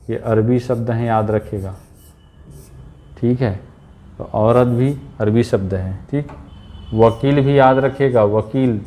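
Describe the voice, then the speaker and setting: A man's voice: mid-range voice, dark tone. A man teaching an exam-prep lesson, repeating key words and checking in often with his students.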